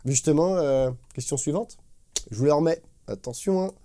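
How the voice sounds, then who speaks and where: This drum teacher's voice is mellow and a little high, moving at a normal pace over background drum music in a studio. His casual lesson is upbeat and full of slang, and he vocalizes drum fills as syllables.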